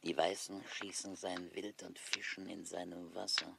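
A broken old Mohican chief in an audio drama. He tells things solemnly and wearily in a low, creaky voice, taking his time. Bitter dignity runs through it. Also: flat delivery, measured pace, heavy background noise, exaggerated voice. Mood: mournful, solemn. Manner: solemn, weary declaiming. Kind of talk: German audio drama acting, storytelling.

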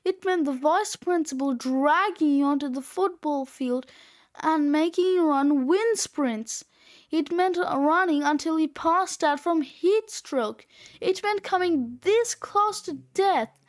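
A woman reading aloud, voicing a gruff middle-aged male gym coach who barks deadpan orders. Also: high-pitched, takes it slowly.

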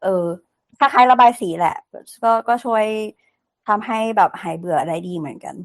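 A woman co-hosting a casual Thai podcast, chatty and quick to laugh as she shares her own experiences. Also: medium pitch, expressive. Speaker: podcast co-host. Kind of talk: casual chat.

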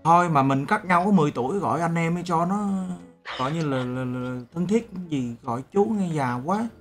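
A man's voice: fairly high pitch, lively intonation, fairly quick, soft background music. A man in his twenties from Vietnam, a streamer chatting casually and teasing with mock-serious storytelling. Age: 20s. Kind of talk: casual video-chat banter.

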